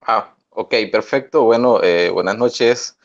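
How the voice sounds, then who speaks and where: A man from Honduras, introducing himself on a panel as a youth movement coordinator. He speaks in a steady, matter-of-fact way. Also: slow pace. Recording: muffled low-fidelity call audio.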